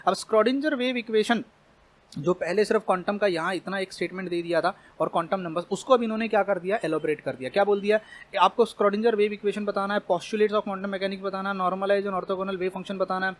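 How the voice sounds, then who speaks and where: A man's voice: sits high, brisk. A man teaching chemistry in an exam-prep lecture, explaining casually and speaking straight to his students. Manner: explanatory, conversational, addresses students directly.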